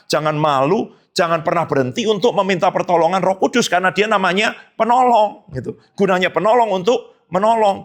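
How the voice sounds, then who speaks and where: A man's voice: high-pitched, creaky. A middle-aged male pastor preaching a sermon at a church service, emphatic, asking rhetorical questions and answering them himself.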